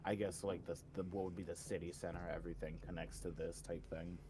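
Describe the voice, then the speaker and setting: A man's voice: low voice, flat delivery, fast, warm tone. A man chatting casually as a player in a tabletop roleplaying game. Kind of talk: casual chat.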